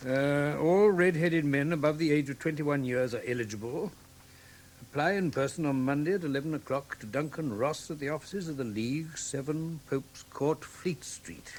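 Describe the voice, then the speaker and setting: An English actor playing a polite, modest gentleman doctor and loyal companion in a classic radio drama, slightly hesitant and genial. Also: on the high side, normal speed, slight background noise, close to an everyday voice. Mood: curious.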